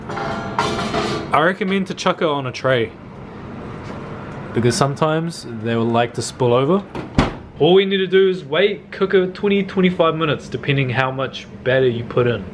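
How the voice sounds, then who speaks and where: Against a noisy background, a young New Zealander talks casually through a cooking tutorial in his home kitchen. This cooking vlogger is slangy and swears offhandedly, often dropping into low mutters.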